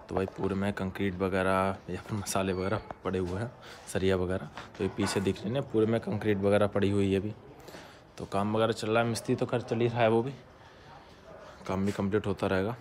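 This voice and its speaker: A man chatting casually through a vlog walkthrough of an outdoor yard where he cares for dogs, often calling out to them. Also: lowish voice. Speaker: dog shelter caretaker. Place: outdoor yard at a home under construction.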